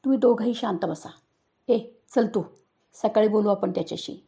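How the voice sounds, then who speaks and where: A woman voicing a weary, calm middle-aged father trying to settle a family quarrel in a storybook tale. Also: moderate pace, vocal fry, husky. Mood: placating. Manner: low, tired, placating.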